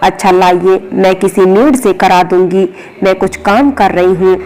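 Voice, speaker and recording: A woman's voice: medium pitch, unhurried, darkish tone, close to an everyday voice, low-quality recording. A woman voicing a meek, dutiful young bride in a spoken story, speaking timidly. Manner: timid, hesitant.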